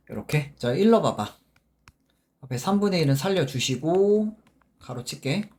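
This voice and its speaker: A man's voice: medium pitch, a little mellow. A man teaching a math lesson in a casual, informal way, working problems step by step and often stopping to ask if the students follow. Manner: informal, constantly checking understanding with short tag questions; talks while working problems step by step, with self-corrections.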